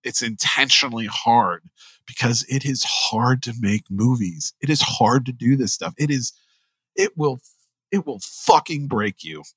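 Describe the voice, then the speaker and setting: A man's voice: medium pitch, expressive, measured pace, a bit bright, breathy edge, dry recording. A middle-aged man talking as a guest in a podcast interview, candid and self-deprecating, rambling with many restarts and jokes. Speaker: line producer, guest.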